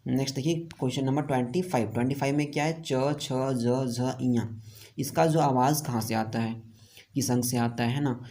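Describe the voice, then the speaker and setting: Mellow-voiced teacher going over exam answers. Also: male voice, medium pitch. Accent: Jharkhand. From India. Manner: explains each question step by step, asking and answering himself. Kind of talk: online lesson going over quiz answers.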